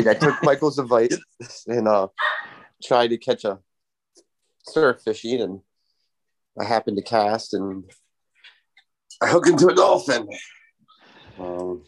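A man's voice: medium pitch, rough recording. Easygoing man telling fishing stories. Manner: easygoing storyteller, joking, halting restarts. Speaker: podcast guest. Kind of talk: casual podcast chat.

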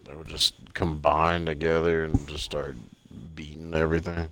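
A man's voice: a bass voice, little pitch movement, moderate pace, a bit bright, a little hiss or hum. A man co-hosting a casual podcast, rambling crudely with lots of fillers. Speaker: podcast co-host. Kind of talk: casual chat.

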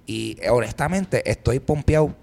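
A Puerto Rican man, a comedian guest on a podcast, chatting excitedly in quick bursts sprinkled with English words. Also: medium pitch, gravelly, long reverb tail. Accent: Puerto Rican Spanish. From Puerto Rico. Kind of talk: casual podcast chat.

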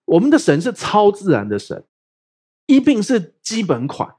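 A man preaching a lively sermon as pastor, talking with animated swings and often checking the congregation follows him. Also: slightly rough. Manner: animated, quick jumps in pitch, often asks the congregation "do you get me?".

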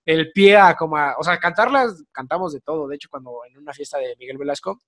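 A young Mexican man chats as a podcast host in fast, slang-heavy speech, with a voice sitting a little high for a man. He tells his stories with animated energy. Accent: Mexican Spanish. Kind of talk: casual chat.

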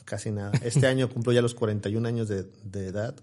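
A man's voice: fairly low pitch, steady tone, quick pace, darkish tone. A man, chatting as an interview guest and telling rambling stories full of fillers and restarts. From Mexico, Tamaulipas. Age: 40s. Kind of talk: casual interview chat.

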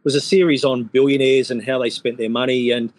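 A man's voice: medium pitch, flat delivery, a little fast, low-quality recording. A man, a sports journalist guest, telling stories in casual chat, rambling with many fillers and restarts. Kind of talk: casual podcast chat, storytelling.

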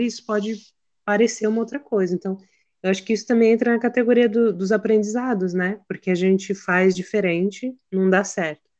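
A woman's voice: medium pitch, highs cut off. Reflective woman, casual podcast chat. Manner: reflective, animated storytelling with quoted self-talk. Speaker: podcast co-host.

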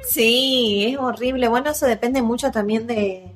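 A woman's voice: fairly high pitch, unhurried, soft background music. Woman with an Argentine accent, explaining. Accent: Argentine Spanish. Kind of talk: casual chat.

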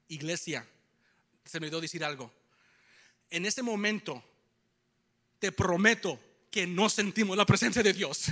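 A young man preaching a sermon to a congregation, telling a personal story with animated delivery and English phrases mixed in. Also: high voice. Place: church hall with congregation.

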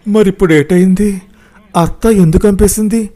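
A man's voice: high voice, fairly even intonation, moderate pace, mellow, faint music behind, voice pushed up, natural voice. A man doing a frightened teenage girl. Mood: distressed. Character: teenage girl confiding her fears to her mother.

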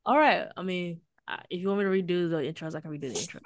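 A young Southern woman from Houston, Texas, co-hosts a casual podcast, her fairly low voice racing along. She's playful and teasing, hyping up her co-host.

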